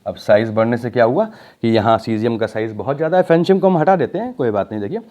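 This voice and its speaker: Speaking fast in a mid-range, dark-toned voice, this chemistry lecturer explains each step at the board, throwing rhetorical questions to the class. He blends Hindi with English technical terms and stretches out the important words. The recording sounds dull and lo-fi.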